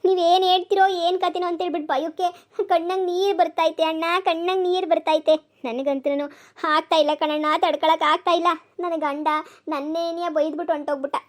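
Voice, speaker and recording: [name], a voice actor doing a shrill wailing village woman. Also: steady tone, fast talker, close to an everyday voice. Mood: tearful, pleading. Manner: wailing, pleading, overwrought. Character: weepy melodramatic village woman, pleading sister. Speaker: sister. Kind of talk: cartoon comedy voice acting.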